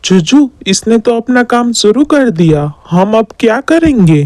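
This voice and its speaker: A worried young village boy pleads anxiously, close and dry, as a woman acts him out. His plain cartoon voice stays steady and earnest. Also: on the high side, a little slow, no echo.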